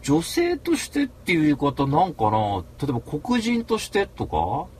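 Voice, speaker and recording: A man hosting a talk show, telling a rambling story in rough, casual speech and flaring into mock rants. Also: on the high side, wildly swooping pitch, normal speed. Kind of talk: casual monologue.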